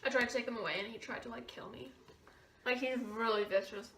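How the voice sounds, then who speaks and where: A young woman teases her friends in blunt, sweary banter. Her voice sits high. She sounds distant and roomy, with clear hiss behind her. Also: steady tone, quick pace. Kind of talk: casual chat. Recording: echoey room, noisy, off-mic.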